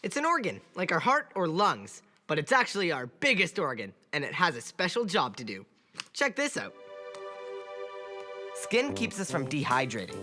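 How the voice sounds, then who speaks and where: A woman's voice: lowish voice, wildly swooping pitch, moderate pace, bright, forceful tone, faint music behind. A woman hosting a children's science show, bouncy and playful. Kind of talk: upbeat kids' science presenting.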